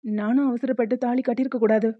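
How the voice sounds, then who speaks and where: A woman voicing a gentle young husband in a cartoon, soothing and patient. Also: fairly high pitch, steady tone, quick pace, dry recording, phone-quality sound, lightly acted. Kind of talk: cartoon voice acting.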